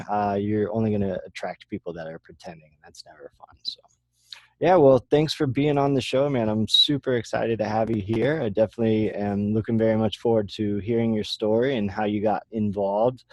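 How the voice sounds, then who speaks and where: A man's voice: fairly low pitch, a little mellow, no echo. A man from Florida hosting a casual podcast chat, laid-back, with plenty of fillers and the odd curse word. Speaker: podcast host.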